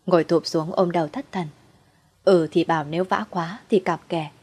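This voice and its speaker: A woman's voice: fairly low pitch, steady tone, moderate pace, a little mellow, slightly rough. A woman narrating a first-person family drama story, telling it through the husband's eyes.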